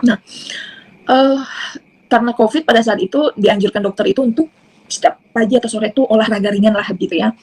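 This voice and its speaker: Middle-aged woman, husky and fairly high voice, earnest halting testimony. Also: a little mellow, rough recording. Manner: earnest, halting, many fillers and restarts. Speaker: testimony speaker. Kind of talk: personal testimony.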